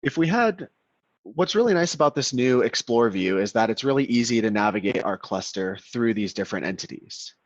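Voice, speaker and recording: A man presenting a software walkthrough in a webinar, explaining steadily while his call audio keeps cutting out and breaking up. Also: medium pitch, lively intonation, fairly quick, dry recording. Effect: choppy, cutting-out call audio. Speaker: product demo presenter. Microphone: video call. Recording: dull, dry, glitchy call audio.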